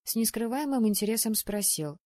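A woman reading a first-person audiobook in a lively, expressive way. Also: fairly high pitch, a little fast, no echo, studio quality. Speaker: audiobook narrator.

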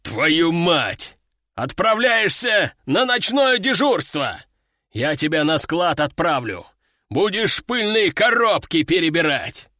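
Loud, bullying army general, as a male audiobook narrator puts him on, slow barked commands, voice leaping high and low. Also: sing-song, no echo, clean studio sound, exaggerated voice. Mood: bellowing. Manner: barking, drawn-out shouting. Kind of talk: audiobook character voice.

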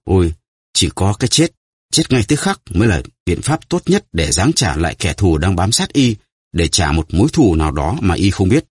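A man voicing a terrified, starving greedy prisoner who pleads and stammers, in a husky voice. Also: sits low, very animated, moderate pace, no room sound, studio quality, exaggerated voice. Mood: anguished.

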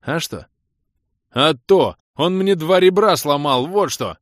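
A man voicing a furious, foul-mouthed young man with broken ribs, yelling insults and indignant complaints. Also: mid-range voice, slow, no echo, clean studio sound, pitched above the performer's own voice.

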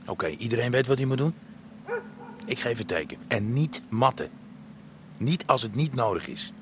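An actor playing a bossy, blunt leader of a crew of toughs in a radio drama. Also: male voice, mid-range voice, very animated, moderate pace, a little hiss or hum, natural voice. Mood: tense, controlled. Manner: commanding, blunt. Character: bossy, pragmatic male leader of a thug crew.

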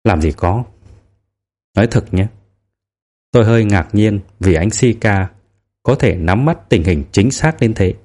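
A man voicing a middle-aged veteran police detective in an audiobook, speaking in a measured, quietly probing way. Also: on the low side, lively intonation. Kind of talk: audiobook character reading.

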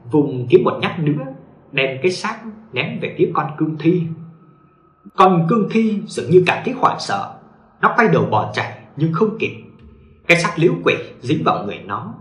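A man tells a ghost story with dramatic flair. His voice is a little high and moves up and down a lot, and the recording carries a clear room echo. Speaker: narrator. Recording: echoey room.

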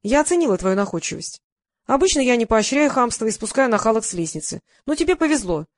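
A woman reading the lines of a sharp, scornful female press secretary in an audiobook. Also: a little high, sing-song, fast talker, dry recording, clean studio sound. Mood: mocking. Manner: sarcastic and scornful.

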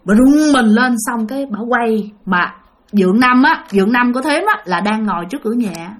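A woman's voice: fairly high pitch, lively intonation, normal speed. A woman telling a ghost story in a chatty way, speaking straight to her listeners. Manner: chatty, addresses listeners directly. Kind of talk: spoken ghost-story narration.

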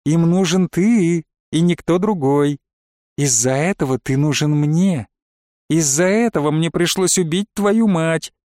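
A man's voice: on the high side, a little mellow, no echo, clean studio sound. Man doing a shrieking undead witch stepmother. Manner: singsong, purring, taunting, shrieks. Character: undead witch stepmother, over forty, coquettish, cruel.

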